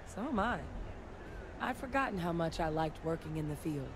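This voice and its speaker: Friendly crew scientist, noisy background. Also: female voice, on the low side, lively intonation, moderate pace. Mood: friendly, reflective. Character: friendly, helpful crew member, a former field scientist. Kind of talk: video game character dialogue.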